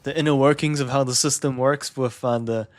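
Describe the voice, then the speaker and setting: A man's voice: mid-range voice, steady tone, fairly quick. A young man with a New Zealand accent chatting casually with stream viewers, easygoing, chuckling often and repeating words. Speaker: game streamer.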